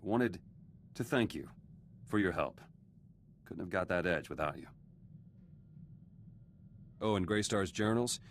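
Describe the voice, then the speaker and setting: An actor playing a curt, ambitious politician in a video game, speaking in terse, clipped phrases with cold self-assurance. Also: male voice, low voice, expressive, measured pace, pauses often, a little hiss or hum. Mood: matter-of-fact.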